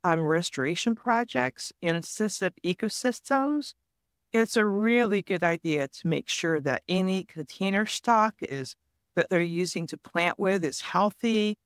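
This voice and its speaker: A woman guest on a podcast interview, calmly explaining forest disease prevention in a measured, advice-giving way. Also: on the low side, dry recording, studio quality. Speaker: forest health guest expert.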